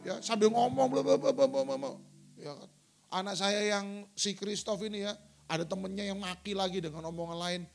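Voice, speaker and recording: A man's voice: high voice, moderate pace, gravelly, faint music behind. A middle-aged male pastor preaching a sermon in a church, telling stories and acting out quotes. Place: church sanctuary.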